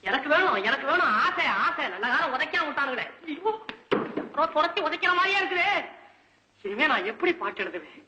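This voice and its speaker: A man's voice: extremely high pitch, sing-song, brisk, noisy background. A man playing a poor, panicky male poet in a comic scene reenactment, whining and wailing.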